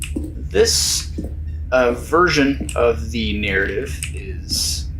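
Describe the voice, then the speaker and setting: A man's voice: medium pitch, lively intonation, drawn-out words, a bit bright, slight background noise, poor audio. A man chatting casually as he guides someone through a game, dryly amused and laid-back. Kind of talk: casual gameplay chat. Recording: game music behind the voice.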